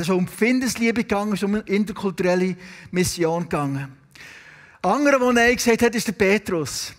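High-voiced Swiss German preacher in a reverberant hall. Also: male voice, a bit bright. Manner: storytelling, asks the congregation questions. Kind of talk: sermon.

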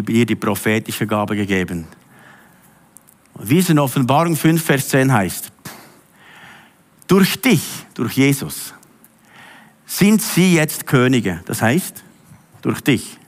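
A man preaching a charismatic sermon, fervent, pitching his voice up and down for emphasis and speaking straight to his listeners.

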